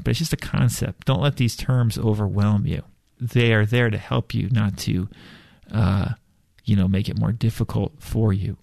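A man's voice: lowish voice, vocal fry, a little mellow, no echo. A man talking casually and bluntly about spirituality, repeating himself as he goes. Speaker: spiritual talk host.

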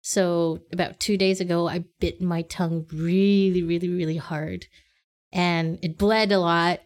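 A woman's voice: lowish voice, fairly even intonation, unhurried. A woman co-hosting a laid-back podcast, talking with a slight lisp from a bitten tongue. She takes her time and breaks into giggles often. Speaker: podcast co-host. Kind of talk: casual chat.

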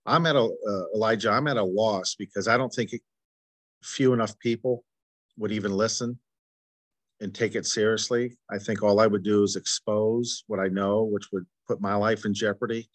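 A man hosting his podcast, speaking earnestly and haltingly, with frequent restarts and stutters. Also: lowish voice, steady tone, no room sound. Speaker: podcast host. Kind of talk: conversational interview.

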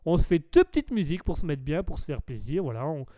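Chatty man hosting web radio, high and smooth voice, dry close sound. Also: big pitch swings, fast talker, mellow, no room sound. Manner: chatty, with fillers and restarts. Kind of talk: casual radio show talk.

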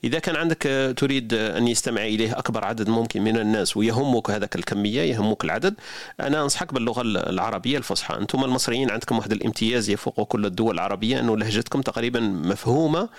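A man's voice: fairly low pitch, rapid-fire, no echo, studio quality. A man with an Algerian accent hosting a live audio room on a phone app, explaining and giving advice at length. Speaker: podcast host.

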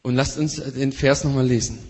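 A man's voice: mid-range voice, little pitch movement, fairly quick. A man interpreting a sermon into German in a church hall, mirroring the preacher's energy with some hesitant fillers. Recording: echoey hall.

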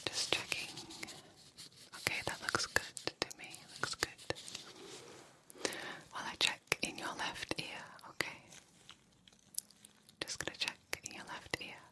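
A woman doing a whispered role-play as a gentle, reassuring doctor, giving repetitive instructions in a breathy, soothing whisper. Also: a little slow, pauses often. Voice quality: breathy, mostly unvoiced whisper. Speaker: ASMR performer playing a medical examiner.

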